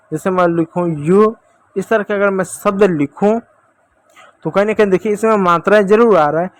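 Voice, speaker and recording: A man with a high-pitched voice teaches kids English phonics, patiently working through questions he answers himself. He often refers to his young listeners as "dear children," and the sound has no echo.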